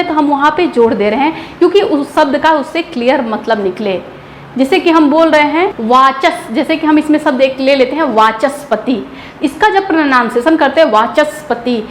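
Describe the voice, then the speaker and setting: Teaching grammar for an upcoming exam, a high-voiced woman asks question after question and supplies the answers herself, stressing every key term by repeating it. Her voice rings out in a heavily echoing room over a faint background noise.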